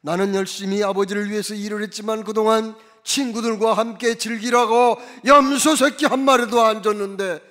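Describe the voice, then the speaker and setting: A man acting out an indignant elder son, loudly accusing his father of unfairness. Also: high-pitched, fairly even intonation, normal speed, hardly any pauses, pitched above the performer's own voice. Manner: loud, accusing, protesting. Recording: reverberant church hall.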